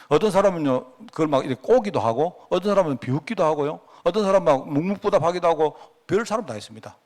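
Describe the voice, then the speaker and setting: A male pastor with a Gyeongsang accent preaching a sermon in a conversational way, often asking the congregation questions. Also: on the high side. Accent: Gyeongsang Korean.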